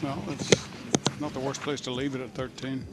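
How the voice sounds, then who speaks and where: A man's voice: mid-range voice, level tone, moderate pace. A man giving live golf commentary as a broadcast commentator. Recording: loud outdoor broadcast background noise.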